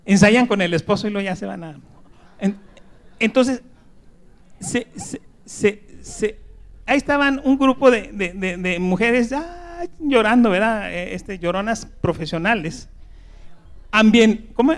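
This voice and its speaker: A pastor preaches a sermon, swinging from loud emphasis to hushed whispers, repeating words and constantly asking "¿verdad?". His voice sits high and is expressive, with a measured pace.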